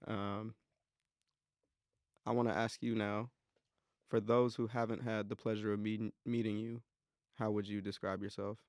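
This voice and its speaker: A man's voice: on the low side, level tone, normal speed, long pauses, darkish tone, no room sound, studio quality. A young man hosting a casual interview, easygoing and reflective, laughing often as he asks questions. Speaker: interviewer, host.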